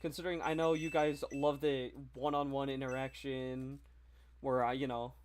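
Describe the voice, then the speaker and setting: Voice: mid-range voice, level tone, normal speed. A young adult game streamer with a neutral voice, chatting casually with live stream viewers. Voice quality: neutral, versatile voice. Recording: noisy game stream with clicks.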